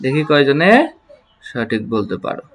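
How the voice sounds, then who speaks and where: A man teaching English pronunciation in an online lesson. He spells words letter by letter, repeats them slowly and asks his students questions that he then answers himself. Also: medium pitch.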